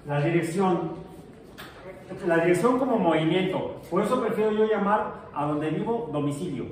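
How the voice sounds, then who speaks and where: A man's voice: high-pitched, lively intonation, fairly quick, a little hiss or hum. A male physics teacher, lecturing a class in a joking way and asking his students questions. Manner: jokey, asks the class questions. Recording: echoey room, far from mic.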